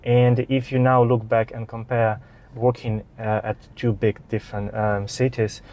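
Mellow-voiced man hosting an interview. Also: mid-range voice, moderate pace. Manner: scripted intro then relaxed questions with fillers. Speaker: interview host.

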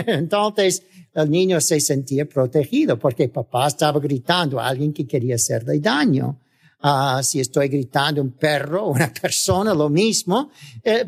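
A man with a notably high voice preaches a sermon as a pastor. He keeps checking in with his listeners by asking "¿verdad?" and chuckles lightly between phrases, filling pauses with "ah". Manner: often asks the listeners "¿verdad?".

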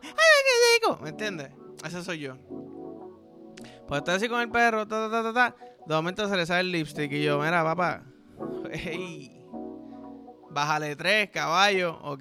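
A young Puerto Rican man hosting a casual solo podcast, rambling crude jokes with sudden loud bursts. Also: high voice. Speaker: podcast host.

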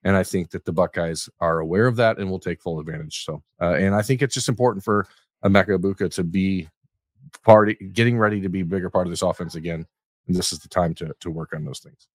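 A man's voice: low-pitched, quick pace, no echo. A man co-hosting a sports podcast, dry and sarcastic, talking in loose rambling runs. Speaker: podcast co-host. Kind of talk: casual sports podcast banter.

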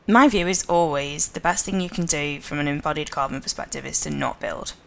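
A woman's voice: low voice, creaky, fairly bright tone. A woman with a Liverpool accent, speaking confidently and emphatically as a podcast guest. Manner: confident, emphatic, quick to laugh. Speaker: podcast guest, sustainability lead. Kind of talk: casual podcast interview.

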